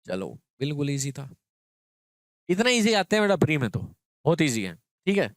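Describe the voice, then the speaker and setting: Male teacher, clear voice, dry sound. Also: on the high side, sing-song, moderate pace, no echo. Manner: explains step by step, often checks in with students. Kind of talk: exam prep grammar lesson.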